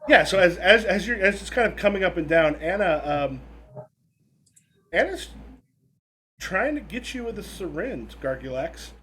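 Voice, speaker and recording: A man narrating an improvised tabletop role-playing game as game master, in a halting, informal way. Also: high voice, animated, sharp tone. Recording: noisy room recording.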